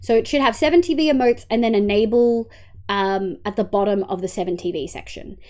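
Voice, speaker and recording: A young Australian woman livestreams, chatting casually with her viewers, talking to chat, and humming to herself as she walks them through settings. Her medium-pitched voice is mellow and fairly quick, though congested and nasal.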